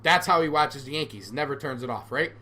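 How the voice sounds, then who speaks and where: A man's voice: mid-range voice, fairly quick, pushed and bright. A man in his forties hosting a solo podcast, ranting sarcastically and with animation. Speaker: podcast host.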